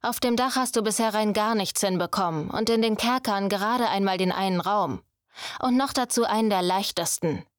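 A woman voicing a domineering young male thief mentor who scolds his apprentice with a raised, forceful voice. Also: mid-range voice, moderate pace, no room sound, clean studio sound, lightly acted. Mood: stern. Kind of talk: audiobook character voice.

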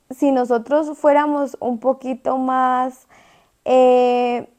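Reflective woman with a warm, higher voice. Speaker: podcast co-host. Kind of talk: casual chat.

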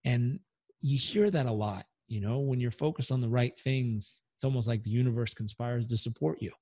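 Man, podcast guest coach, motivational and energetic, dry close sound, mid-pitched. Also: normal speed, no echo. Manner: energetic, motivational, leads breathing exercise aloud. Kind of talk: podcast interview.

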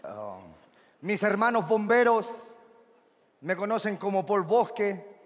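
A comedian with a Chilean Spanish accent playing a boastful, clownish young party-goer who rambles and shifts his voice with excitement. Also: high voice, slow pace, long reverb tail, heavily acted. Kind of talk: comic storytelling sketch.

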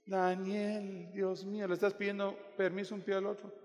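A man preaching a sermon in a joking, animated way, addressing listeners as brother. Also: sits high, normal speed. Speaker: pastor. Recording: long hall reverb.

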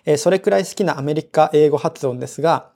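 A man with a gravelly, mellow voice reads out a listener's letter on a casual podcast. His delivery is easygoing, with chuckles between sentences. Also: a little high, quick pace. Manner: relaxed, chuckling, mixes Japanese and English. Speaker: podcast co-host. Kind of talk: reading a listener letter aloud, casual chat.

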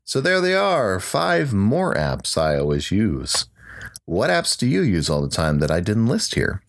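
A man with a low, deep voice hosts a solo podcast. His delivery is lively and swings widely in pitch. He talks in an upbeat, conversational way with the odd joke. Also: a little slow, creaky. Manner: upbeat, conversational, lightly joking. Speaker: podcast host.

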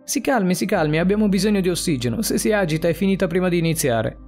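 A man's voice: high voice, animated, quick pace, darkish tone, soft background music, voice pushed up. A man voicing a police officer buried alive, who talks urgently and blames himself. The delivery stays close to a plain reading voice. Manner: urgent, earnest pleading. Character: adult male police officer, desperate and self-blaming.

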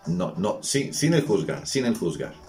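Middle-aged male host, very low voice, chatty reflective monologue full of rhetorical questions. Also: very animated, measured pace, dark tone. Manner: conversational, rhetorical questions, frequent restarts.

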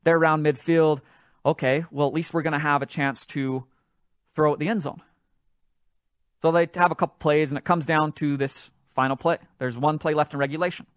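A man hosts his own podcast, retelling a game with animated, excitable storytelling. His voice sits a little high for a man. The sound is dry and close, with no room around it. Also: moderate pace, no room sound. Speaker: podcast host. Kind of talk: solo podcast storytelling about sports.

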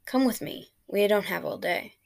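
Brief: woman reading as a cryptic old British time traveler, dry and sarcastic, gravelly. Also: medium pitch, lively intonation, moderate pace. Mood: mysterious.

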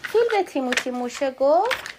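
A woman reading a storybook aloud to her children at home, pausing to explain words. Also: sits high, lively intonation, noisy background.

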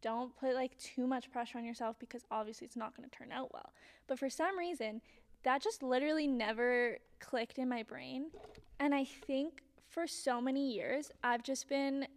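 A woman's voice: high voice, fairly even intonation, normal speed. A young woman with a Valley girl way of talking, chatting casually as a podcast co-host. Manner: Valley-girl talk, peppered with "like" and "literally". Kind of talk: casual chat.

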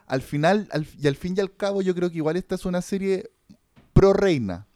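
Hombre chileno charlando, voz algo aguda. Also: male voice, high voice, fairly quick, mellow, no room sound. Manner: rambling, slangy, fillers like cachai and weón. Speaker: podcast host. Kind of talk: casual chat reviewing a series.

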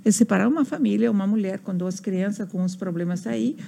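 An older Argentine guest tells stories in Portuguese with an Argentinian Spanish accent during a relaxed interview. Her mid-range voice is warm and creaky and she talks fast, frequently starting over and performing the quotes she tells.

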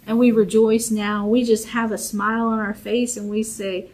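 Woman, fairly high-pitched, Bible study teacher, conversational sermon, encouraging, repetitive. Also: level tone, normal speed, darkish tone, low-quality recording. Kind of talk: informal sermon.

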